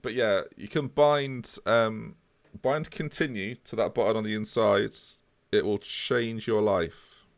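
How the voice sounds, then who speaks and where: A man's voice: fairly low pitch, unhurried, gravelly. A man, chatting casually with viewers on a live stream. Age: 20s. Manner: chatty, jokey, answers chat.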